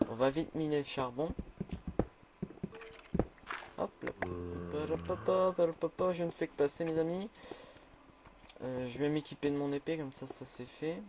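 A man chatting through a game, nervous and quick to say he is scared. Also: mid-range voice, noisy background. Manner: jumpy, chatty, easily scared. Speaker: gamer. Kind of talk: casual let's play commentary.

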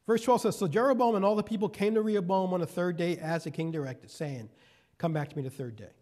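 A male guest preacher gives a sermon in a high-pitched, fast voice with a darkish tone. He reads scripture verses, then explains them through folksy asides, repeating key phrases for emphasis.

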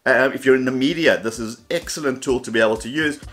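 A man's voice: medium pitch, quick pace, fairly bright tone. A man hosting a tech video, talking upbeat and enthusiastic as he wraps up. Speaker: tech vlogger host. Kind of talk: casual video outro.

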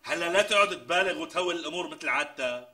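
An actor playing a skeptical friend in a TV comedy sketch, reacting with exclamations and disbelief. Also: male voice, on the high side, very fast, bright, forceful tone. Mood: incredulous. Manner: exclamatory, incredulous. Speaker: comic sketch character.

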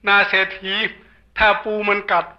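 A monk from northeastern Thailand with an Isan accent, giving a folksy sermon with a storyteller's jokes. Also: male voice, measured pace, pushed and bright. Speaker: Buddhist monk preacher. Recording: dull lo-fi sermon recording.

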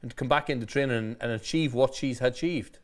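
A man hosting a podcast chat, brisk and dropping short agreeing murmurs. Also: mid-range voice. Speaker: podcast host. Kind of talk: casual chat.

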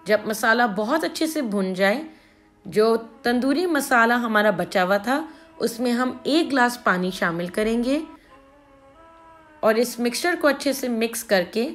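A woman narrates her recipe in a calm, steady voice-over, explaining each step. Her voice sits a little high. Soft music plays faintly underneath. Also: unhurried. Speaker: cooking channel host.

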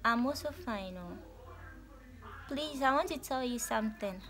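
A woman's voice: on the high side, lively intonation, measured pace. A woman, talking in a silly, teasing prank-call voice on the phone. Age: 20s. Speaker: prank caller, vlogger. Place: small bedroom, indoors. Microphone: camera about an arm's length away.

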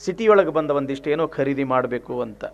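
A man's voice: mid-range voice, lively intonation, fairly quick, lo-fi sound, faint music behind. A man with a North Karnataka accent preaching a sermon, telling stories with emphatic repetition. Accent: North Karnataka Kannada. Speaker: swami, religious preacher.

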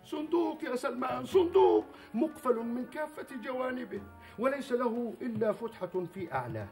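An actor playing an assured, persuasive butcher in a theatrical historical TV drama, explaining things in a declamatory way. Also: male voice, very high-pitched, expressive, fairly quick, vocal fry, darkish tone, faint music behind, full character voice. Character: assured butcher and business partner, persuasive, scheming planner. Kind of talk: theatrical historical TV acting in formal Arabic.

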